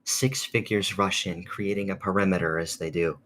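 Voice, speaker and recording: A man narrating a second-person audio fanfic in a calm, measured reading. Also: low voice, a little hiss or hum.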